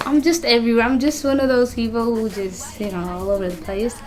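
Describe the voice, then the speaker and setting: A woman's voice: on the high side, fairly even intonation, brisk. A young woman from Kenya, talking earnestly and reflectively in a casual interview at a community center. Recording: music playing under the voice.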